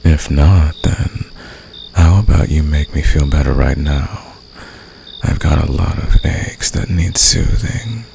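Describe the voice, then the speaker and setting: Voicing a flirty male fantasy villain who is secretly a caring rebel, a man speaks slowly in a very deep, growly, croaky full character voice. He is soft-spoken, teasing and seductive throughout this intimate ASMR roleplay addressed to the listener. Night crickets and insects make the recording noisy.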